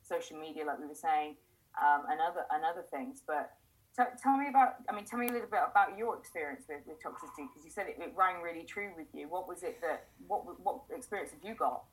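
A woman's voice: low voice, fast talker, rough recording. A woman hosting a conversational interview, talking earnestly and emphatically, often repeating words as she builds a point. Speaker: podcast host.

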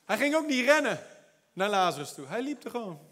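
Male pastor, high bright voice, animated sermon delivery with laughs and shouted climaxes. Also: fairly quick. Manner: animated preaching with laughs and English phrases; builds to shouted exhortation.

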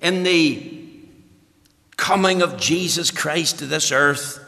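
A man's voice: a little high, takes it slowly, vocal fry, pushed and bright. A man with a Northern Irish accent preaching an evangelical sermon in an emphatic way, repeating phrases for weight. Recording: echoey hall with long reverb.

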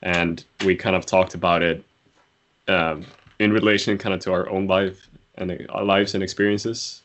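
Very deep-voiced easygoing male host. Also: little pitch movement, normal speed, fairly bright tone. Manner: easygoing, hesitant, full of fillers and restarts. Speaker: podcast host. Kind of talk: casual chat.

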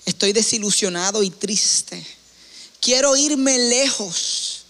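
A man's voice: high-pitched, slow pace, sharp tone, heavily acted. A man voicing a self-centred boy who grows into an old man, speaking plainly and matter-of-factly. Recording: long hall reverb.

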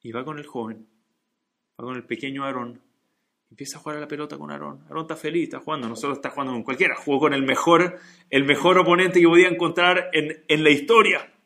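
A man's voice: on the high side, steady tone, fast, creaky, pushed and bright. A man teaching a Torah lesson, telling a story and acting out its dialogue with animation.

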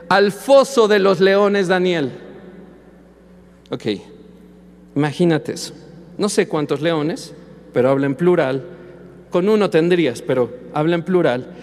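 A male preacher delivers a sermon in a very high voice, slow and emphatic, at times rising into impassioned shouts. His words ring out in a church hall with a long reverb, and faint music plays underneath.

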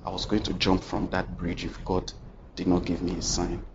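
A man preacher voicing a distraught grown man he met at a bridge, speaking quietly and a little higher than his own voice. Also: completely flat delivery, moderate pace, muffled recording, background noise.

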